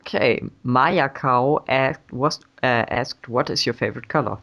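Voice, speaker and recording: A man's voice: medium pitch, measured pace, a bit bright. A man hosting an interview, reading out viewer questions and stumbling over usernames. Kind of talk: livestream interview. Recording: dull lo-fi audio.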